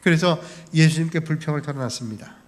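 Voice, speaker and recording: A man's voice: on the high side, fast talker. A man preaching as a pastor, telling the story and briefly acting out the people in it. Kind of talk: sermon. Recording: long hall reverb.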